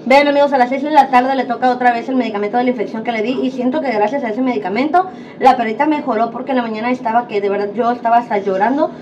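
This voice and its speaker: Talking fast with a highish voice, this vlogger chats to her viewers at home as though they were friends. It's a casual vlog recorded with dull, lo-fi audio and noticeable background noise.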